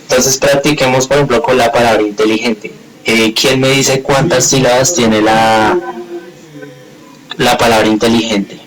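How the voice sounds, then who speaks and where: A man's voice: mid-range voice, fairly even intonation, moderate pace, crowd noise, poor audio. A man teaching a live grammar class, explaining step by step in a patient way and checking often that students follow. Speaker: English teacher.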